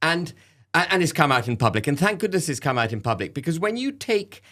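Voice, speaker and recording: A man speaking as a guest in a studio discussion, halting and restarting often as he makes his points. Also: a little high, very animated, sharp tone. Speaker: guest commentator.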